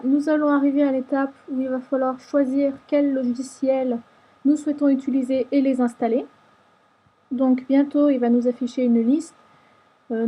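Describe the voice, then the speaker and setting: A woman narrating a screen-recorded software tutorial, explaining each step patiently. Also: sits high, breathy edge, highs cut off. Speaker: tutorial maker.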